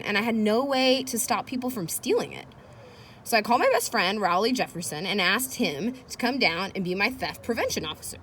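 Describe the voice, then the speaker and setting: With a middling pitch and faint noise behind her, a female read-aloud host reads a children's chapter book in a lively, swinging tone. She speaks to young listeners directly, keeping things chatty and engaging.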